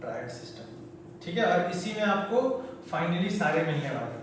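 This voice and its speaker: A male chemistry teacher, lecturing at the board in a chatty, coaxing way and repeating terms slowly for students. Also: fairly high pitch, lively intonation. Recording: very echoey room, mic far off, faint noise.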